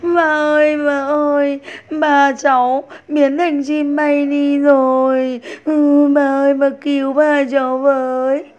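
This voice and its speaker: A woman's voice: high-pitched, level tone, takes it slowly, few pauses, a little mellow, lo-fi sound, voice pushed up. Woman voicing a sobbing little boy. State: crying. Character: small boy crying for his grandmother.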